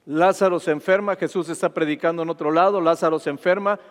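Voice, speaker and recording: A man's voice: on the high side, steady tone, fast talker. A man preaching a sermon, retelling a Bible passage and often checking with the congregation. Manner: asks the congregation "¿sí?" constantly, retelling scripture with rising fervor. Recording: long hall reverb.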